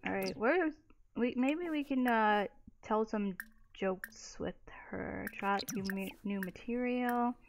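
A woman's voice: a little high, slow pace, vocal fry, slight background noise. A young woman giving casual, exclamatory commentary while playing a life-sim game, swearing freely. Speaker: let's play gamer.

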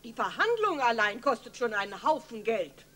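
A woman's voice: on the high side, sing-song, moderate pace, a bit bright. An actress playing a blunt, practical mother talking matter-of-factly to her grown son, in dubbed film dialogue.

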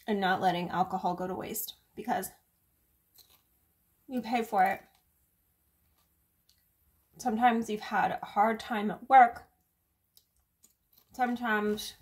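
A woman reviewing a drink in a casual vlog, chatty and sarcastic, full of fillers and swearing. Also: mid-range voice. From United States.

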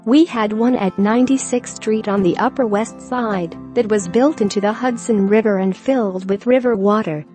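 A woman giving a scripted narration of a news article, reading straight through the text in a flat manner. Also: mid-range voice, normal speed, hardly any pauses. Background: music.

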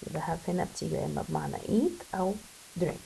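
A woman with an Egyptian Arabic accent teaching an English grammar lesson, switching between slow English and quick Arabic explanations. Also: deep voice, animated, creaky, mellow, slight background noise, rough recording.

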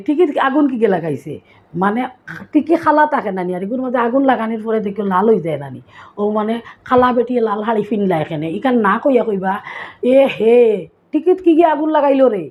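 A woman vlogger with a Sylheti accent, casually explaining local sayings and acting them out with lively bits of storytelling. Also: on the high side, narrow, tinny audio.

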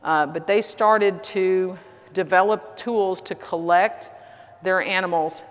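Middle-aged Texan woman, low-ish voice, casual self-deprecating presenter, long hall reverb. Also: slow pace. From Texas. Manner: chatty, self-deprecating, frequent fillers. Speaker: conference speaker. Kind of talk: conference talk. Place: large conference hall.

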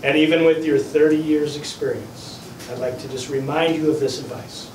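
A man's voice: fairly high pitch, steady tone, moderate pace, a little mellow. Male [name] impersonator officiant; ceremonial, playful, recorded at a distance with slight background noise. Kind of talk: officiating a vow renewal ceremony. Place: small indoor wedding chapel. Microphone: distant camera mic. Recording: echoey room, distant mic, faint noise.

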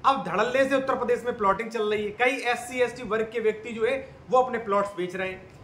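High-voiced man explaining in an echoey room. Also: fast, a bit bright. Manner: earnest, repeatedly addresses viewers as companions. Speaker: legal commentator. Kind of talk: explanatory monologue. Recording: echoey room with faint noise.

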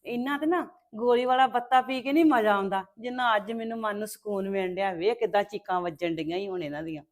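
A woman's voice: mid-range voice, quick pace, close to an everyday voice. An actress playing a spiteful, scheming woman who gloats over a mother and daughter, speaking. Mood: gloating. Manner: gloating, taunting. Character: spiteful scheming woman relishing a family's misery. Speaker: scheming relative. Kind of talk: web drama acting.

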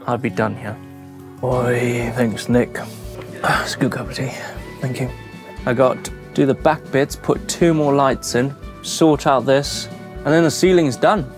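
A man vlogging casually as he builds out a van, chatty and self-mocking, tired from the work. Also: medium pitch. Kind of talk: casual vlog while building. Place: inside a van under construction. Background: music.

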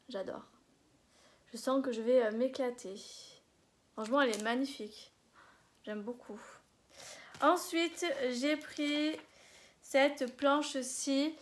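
Gushing high-voiced woman vlogger. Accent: French. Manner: gushing, many filler "euh"s, repeats "j'adore". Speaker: scrapbooking vlogger. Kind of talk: casual product haul.

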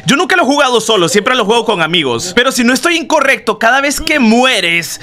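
A young man giving casual gameplay commentary, excitable, yelping and laughing often. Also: very high-pitched, a little fast. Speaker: gaming streamer.

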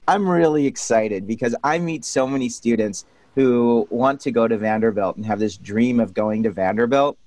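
A man's voice: medium pitch, no room sound. A middle-aged man hosting a video-call interview, enthusiastic and upbeat as he greets and questions his guests. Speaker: host. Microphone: studio mic on arm.

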